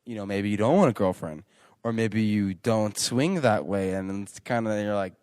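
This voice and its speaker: A young man of nineteen, co-hosting a relationship podcast in loose casual chat. His voice sits a little low and sounds close and dry. He rambles and jokes, piling on fillers and restarting his sentences. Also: moderate pace, darkish tone, clean tone, no echo. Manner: rambling, joking, lots of "like" and restarts. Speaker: podcast co-host.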